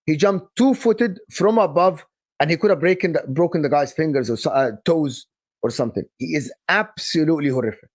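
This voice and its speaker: A young adult man from Egypt co-hosting a casual football live stream, emphatic and animated, often repeating and restarting his phrases. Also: on the high side, a little fast. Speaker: football channel co-host.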